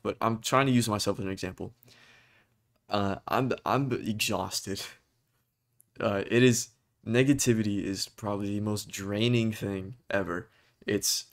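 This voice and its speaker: Young male vlogger, low-set voice, hesitant and earnest, stumbles and restarts while searching for words. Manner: halting and hesitant, many restarts and fillers. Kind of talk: personal talk to camera.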